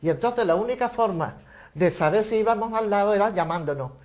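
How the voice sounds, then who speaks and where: An older woman giving a personal testimony, telling her memories slowly and carefully with small restarts. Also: mid-range voice, animated. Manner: slow, measured storytelling with small restarts. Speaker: witness recounting memories. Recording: dull lo-fi recording.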